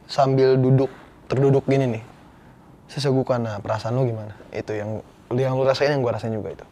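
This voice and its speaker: A man's voice: mid-range voice, fairly even intonation, brisk, mellow, a little hiss or hum. A young man, a guest actor telling a personal story in casual, slangy, earnest talk. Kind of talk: casual interview chat.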